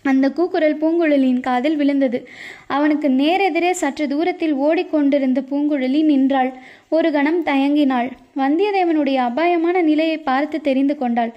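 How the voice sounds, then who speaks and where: A woman reading a historical novel aloud as an audiobook narrator, in a dramatic, expressive storybook style. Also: sits high, normal speed. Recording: dull lo-fi recording.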